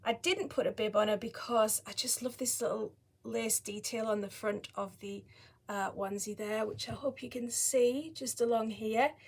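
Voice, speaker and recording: A woman with a fairly high voice talks casually to her viewers as a vlog host. Her delivery is chatty and rambling, with an apologetic streak. She is recorded indoors at home by a camera on a tripod. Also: fairly even intonation, moderate pace. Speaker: doll collector vlogger, channel host. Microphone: camera on a tripod at a short distance.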